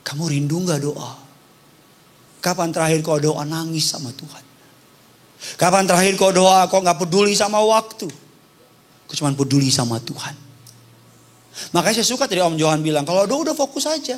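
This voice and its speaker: A man's voice: high voice, lively intonation, normal speed, long pauses. A male pastor preaching an impassioned sermon with call-and-response and humor. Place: church service.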